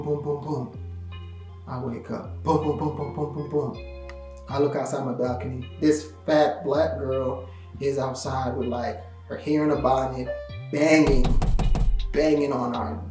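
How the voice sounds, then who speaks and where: A man's voice: mid-range voice, unhurried. A man vlogger telling a story in a casual, slangy way, full of "like" fillers. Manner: animated, slangy, lots of "like" fillers. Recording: roomy echo with faint music.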